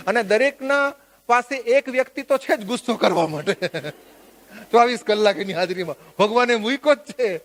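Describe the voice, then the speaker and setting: High-voiced man giving a lively workshop talk. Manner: animated, joking, quizzes the audience. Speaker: workshop trainer. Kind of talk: lively lecture to a live audience. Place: workshop at a religious venue.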